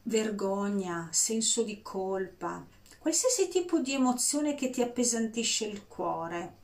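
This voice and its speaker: A woman guiding a breathing meditation in a slow, soft, soothing voice with long pauses. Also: mid-range voice. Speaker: meditation guide.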